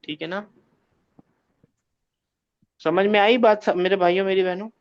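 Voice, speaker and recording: A man teaches an Arabic grammar class, firing questions at his students and repeating key phrases until they stick. His voice sits a little high for a man. The sound is dry, muffled and lo-fi. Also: a little slow, smooth, dry recording. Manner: quizzes students, repeats phrases, corrects them patiently.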